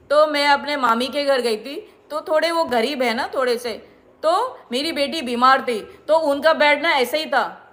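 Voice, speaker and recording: Woman vlogger, middle-aged, high pitch, indignant and lecturing. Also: a bit bright. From India. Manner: indignant, lecturing, repeats herself. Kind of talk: scolding monologue to viewers.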